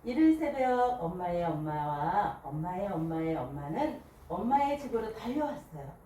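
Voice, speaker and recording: A woman's voice: fairly low pitch, sing-song, normal speed, warm tone. A woman reading a picture book aloud to a small group, telling it expressively and asking the listeners questions. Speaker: picture book reader at a book club. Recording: echoey room, distant mic, faint hiss.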